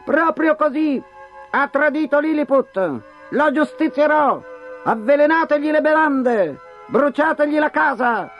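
A man voicing a tiny, hot-tempered male emperor in a storybook, shrieking and raging in a high voice. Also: natural voice.

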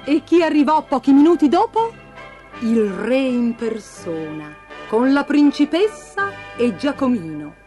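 A woman reading a fairy tale aloud in an animated, sing-song storytelling manner. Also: sits high.

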